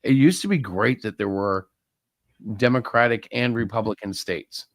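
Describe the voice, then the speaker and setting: A middle-aged man co-hosts a live-streamed show, chatting casually in a mid-range voice at a moderate pace. He rambles through his opinions and mixes in jokes. The recording is dry and of studio quality.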